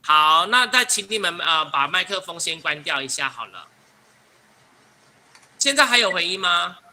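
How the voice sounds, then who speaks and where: A man teaching an online English class, patiently drilling pronunciation and ending phrases with a soft "ha". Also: sits high, expressive, normal speed, poor audio. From Taiwan. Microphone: computer mic on a video call. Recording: video call with students' crowd chatter. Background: students' voices on open mics.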